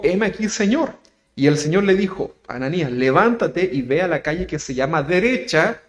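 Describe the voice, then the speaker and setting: Man, pastor's sermon, chatty teaching tone, fairly high voice, very lively pitch. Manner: conversational preaching, tags many phrases with a questioning "¿verdad?"; dramatic rises when reading scripture quotes.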